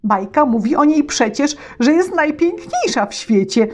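A woman doing a shrill excitable peasant lad. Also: normal speed, slight background noise. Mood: mocking. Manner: high, excited, exclamatory. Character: foolish young peasant lad, excitable and boastful. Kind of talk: storybook reading in verse.

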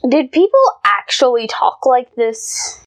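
A woman co-hosts a casual conversation with a dry, wry manner. She talks at an unhurried pace, and her voice sits a little high. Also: lively intonation. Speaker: podcast co-host. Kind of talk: casual chat, reading a comic aloud.

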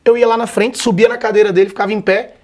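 High-voiced, laid-back comedian man. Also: fast. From Vitória, Brazil. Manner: relaxed and laid-back, swears often, slangy. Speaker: stand-up comedian guest. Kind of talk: casual podcast conversation.

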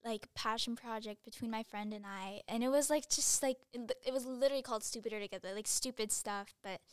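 A woman's voice: fairly high pitch, brisk, smooth, no echo, clean studio sound. A young woman in her late teens, chatting as a guest in a casual interview, giggly and full of fillers.

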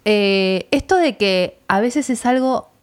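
An Argentine woman chatting casually with friends, telling a story in an animated way and jumping her voice up high when she reenacts an argument. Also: takes it slowly, clear, resonant tone. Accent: Argentine Spanish. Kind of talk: casual chat.

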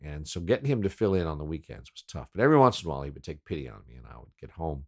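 Deep-voiced older man reminiscing at length. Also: very animated, racing. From Baltimore, United States. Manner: rambling, self-correcting, fond storyteller. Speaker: radio show host. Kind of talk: rambling reminiscing monologue.

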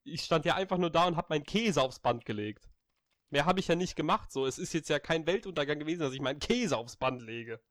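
A man chatting casually with a friend, telling an anecdote in an animated, blunt way full of slang. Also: on the high side, quick pace, no echo, clean studio sound.

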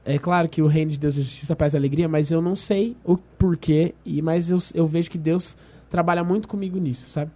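A man tells a personal faith story in a relaxed conversation. His voice sits a bit high but sounds soft and mellow. He speaks earnestly, slips into the voices of the people in his story and restarts his sentences often. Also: brisk. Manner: earnest storyteller, reenacts dialogue, frequent restarts. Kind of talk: casual faith testimony in conversation.

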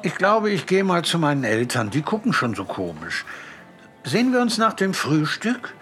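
A man playing a tired, dreamy young boy in a children's audio story, speaking distractedly with small hesitations. His voice moves lively in pitch over soft music. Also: normal speed.

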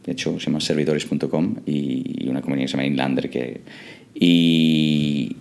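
A man's voice: very deep voice, steady tone, moderate pace, vocal fry, a little mellow. A man from England, a startup co-founder, answering interview questions in a hesitant way with many fillers and restarts.

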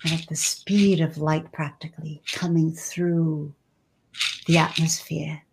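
A woman leading a guided meditation with slow, soothing, drawn-out phrasing. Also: sits low, level tone, vocal fry. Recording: loud background noise and rattle.

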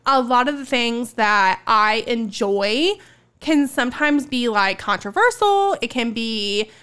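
Late-20s woman chatting, smooth clear voice, pitched a bit high, lots of "like". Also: animated, slow, fairly bright tone. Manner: reflective, heavy use of "like" fillers. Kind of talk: casual chat.

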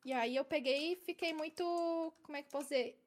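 A woman's voice: high-pitched, quick pace. A young woman casually telling a long personal story, often adding "entendeu?" to check her listeners follow. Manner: chatty, keeps adding "entendeu?".

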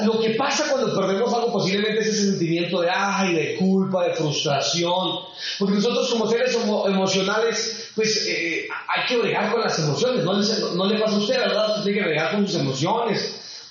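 A man delivers an animated sermon as pastor, his voice pitched high and often climbing into shouts. The recording is distant and dull, full of reverb from a large room, with a faint hum of ambience behind him. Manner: animated preaching, rising to shouts.

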